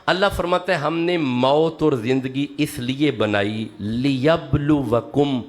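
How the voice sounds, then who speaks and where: A man preaching a sermon to a live audience, emphatic and repeating his key words. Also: medium pitch. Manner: emphatic, repeats key words, rises when urging the crowd. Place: gathering before a live audience.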